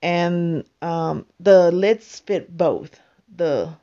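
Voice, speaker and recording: A woman calmly narrating her own home video, explaining things step by step with frequent pauses. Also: lowish voice, lo-fi sound. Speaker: vlogger. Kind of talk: casual voice-over narration.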